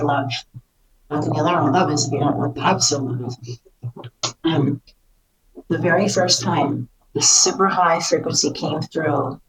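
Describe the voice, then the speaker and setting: A woman talking casually and earnestly about her channeling experiences, halting and repeating phrases for emphasis. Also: low voice, recorded from a distance, low-quality recording. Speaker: spirit channeler, interview guest.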